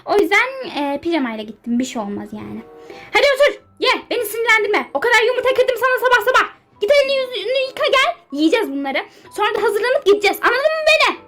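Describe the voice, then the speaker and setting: A woman doing a shrill, bossy, hyper young model. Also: sing-song, fast talker, vocal fry, hardly any pauses, fairly bright tone, faint music behind, heavily acted. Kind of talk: game character role-play dub.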